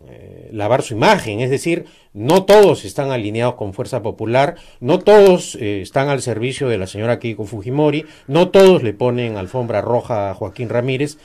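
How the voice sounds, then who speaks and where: A man's voice: mid-range voice, very animated, normal speed, hardly any pauses, a little mellow. A man, giving emphatic, critical political commentary in a discussion, with frequent "eh" fillers.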